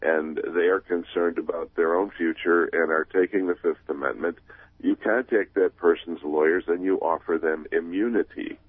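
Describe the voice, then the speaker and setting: A man's voice: low-pitched, steady tone, normal speed, husky, no room sound. A male caller with a head cold, heard over a phone line on a call-in radio show, speaking in a wry, pointed way. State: congested with a cold. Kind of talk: casual call-in chat. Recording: dry tinny phone line.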